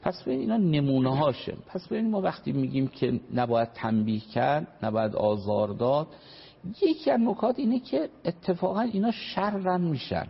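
A man with a fairly high, animated voice, vocal fry and a breathy edge works as a family counselor explaining parenting on a radio talk show. He is earnest and explanatory, full of examples and polite, formal phrasing. The broadcast sounds dull and lo-fi.

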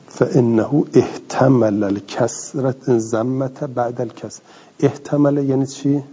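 Reading a text aloud for a grammar lesson, a man with a husky, dark, medium-pitched voice explains it by asking himself questions and answering them. The audio sounds dull and lo-fi, with a long reverb tail.

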